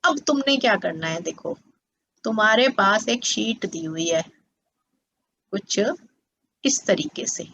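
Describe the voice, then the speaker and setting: A woman's voice: mid-range voice, expressive, takes it slowly, gravelly, long pauses, bright, forceful tone, a little hiss or hum. A woman teaching maths to students as a tutor, patient and coaxing, often checking that they follow. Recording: slightly dull lo-fi sound.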